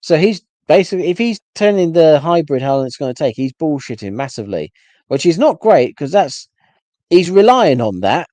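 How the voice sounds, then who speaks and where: Male host, rambling exasperated solo rant, warm low-toned voice, dry sound. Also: sing-song, moderate pace, dry recording. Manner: rambling, stumbles and restarts, exasperated. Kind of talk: casual rant.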